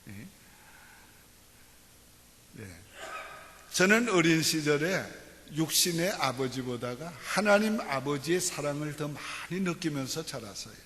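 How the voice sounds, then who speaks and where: A male pastor preaching a sermon, asking the congregation questions and answering himself, dropping slow and low for scripture and prayer. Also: animated, a bit bright, in a large hall, slight background noise. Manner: call-and-response preaching, repeated "예" and questions to the congregation. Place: church sanctuary.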